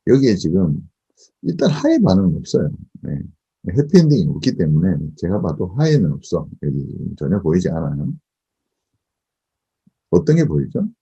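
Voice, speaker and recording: A male lecturer giving a class, asking the audience rhetorical questions and often affirming with a quick "yes". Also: sits low, wildly swooping pitch, creaky, mellow, husky, highs cut off. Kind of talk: recorded lecture.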